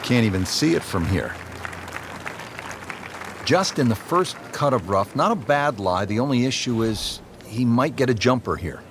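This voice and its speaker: A television golf play-by-play announcer in a sports game. His delivery is measured and broadcast-like, at a medium pitch. Crowd and outdoor noise sit clearly behind the voice. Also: animated. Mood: measured, attentive. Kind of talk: video game sports commentary. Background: crowd ambience, outdoor noise.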